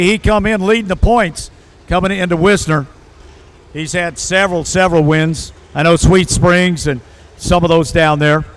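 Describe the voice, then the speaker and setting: Male tractor pull announcer with a high-pitched voice, providing live commentary on the competition.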